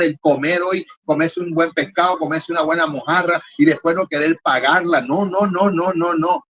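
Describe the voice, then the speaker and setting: A man's voice: a little high, bright, forceful tone. A man preaching a sermon as pastor, driving his points home in long repeated lists. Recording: dull lo-fi recording with faint ambience.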